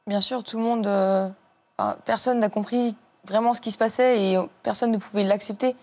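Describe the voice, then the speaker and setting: A woman's voice: medium pitch, steady tone, moderate pace, a little mellow. A young woman, a friend of the victim, answering earnestly on a TV talk show while searching for her words. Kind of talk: TV interview answer.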